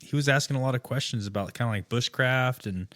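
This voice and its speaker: A man's voice: mid-range voice, fast talker, a bit bright, dry recording, clean studio sound. A man co-hosting a casual podcast chat, profane and laughing, his voice jumping up when he tells a story. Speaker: podcast co-host.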